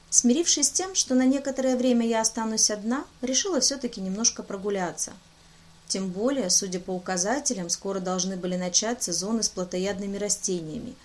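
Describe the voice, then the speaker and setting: Female audiobook narrator, middle pitch, reads in first person, gently voices dialogue.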